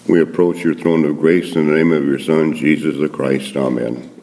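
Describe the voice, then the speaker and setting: Male pastor, pulpit mic, deep voice, formal liturgy, reverberant sanctuary. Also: level tone, warm tone, slight background noise. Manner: solemn, measured formal liturgy. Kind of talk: leading liturgical prayer. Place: church sanctuary. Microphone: at a pulpit microphone. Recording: long church hall reverb.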